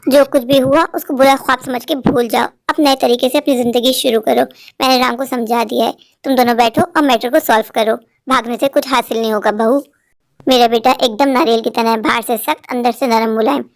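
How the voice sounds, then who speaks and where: A woman voicing a wise older mother-in-law in a cartoon story, speaking calmly and soothingly. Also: sits high, no room sound, studio quality, pitched below the performer's own voice. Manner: calm, soothing, advising. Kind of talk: dubbed Hindi cartoon story.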